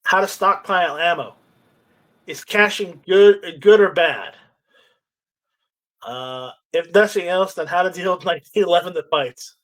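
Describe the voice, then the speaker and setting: Reading out comments between bouts of loose chat, a man hosts an informal live stream in a fairly high-pitched voice. He speaks haltingly, repeating words frequently. The tone is fairly bright, and the audio quality is poor.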